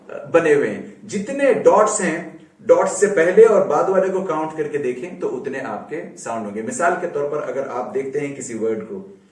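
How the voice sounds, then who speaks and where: A man giving an explanatory pronunciation lesson, mixing English terms into Hindi and repeating example words slowly. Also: a little high, a little mellow. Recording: roomy echo, voice a bit far from mic.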